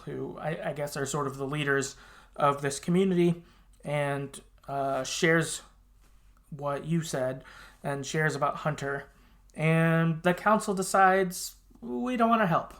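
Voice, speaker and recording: A podcast host with a fairly high, slightly bright voice chattily retells a game's story. His language is informal and sometimes sweary, with loose colloquial asides.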